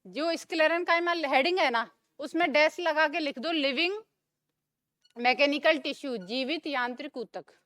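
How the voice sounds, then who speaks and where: A woman's voice: high-pitched, normal speed, a bit bright, dry recording, clean studio sound. A young woman teaching a classroom lecture, asking the class questions and answering them herself, repeating the key terms.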